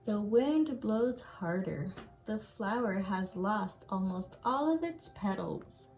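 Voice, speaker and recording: A woman reading a picture book aloud to young children in an expressive storytelling manner. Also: medium pitch, takes it slowly, faint music behind, poor audio. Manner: expressive, with exclamations and questions to young listeners. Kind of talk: children's read-aloud narration.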